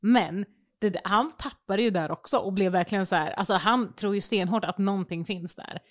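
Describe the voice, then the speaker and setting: A woman co-hosting a casual podcast, talking hesitantly and searching for words. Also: mid-range voice. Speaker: podcast co-host.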